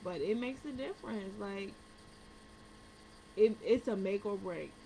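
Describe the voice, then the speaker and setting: A woman's voice: mid-range voice, measured pace. A young American woman telling a personal story casually to viewers, blunt and slangy, swearing freely and acting out the dialogue. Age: young adult. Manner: animated retelling, acting out dialogue. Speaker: vlogger telling personal stories. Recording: background hum and room noise.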